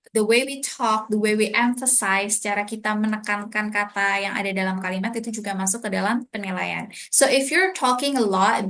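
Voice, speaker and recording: A woman's voice: medium pitch, a bit bright. Indonesian woman tutoring in mixed languages. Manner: mixes Indonesian and English, explanatory. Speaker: English tutor. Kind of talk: online lesson.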